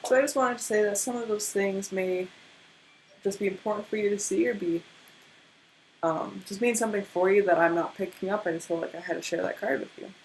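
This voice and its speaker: A woman's voice: mid-range voice, fairly even intonation, fairly quick, slight background noise, rough recording. Tired young woman with a stutter. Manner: stutters, with many restarts. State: tired from little sleep, yawning. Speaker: tarot reader. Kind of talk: casual tarot card reading.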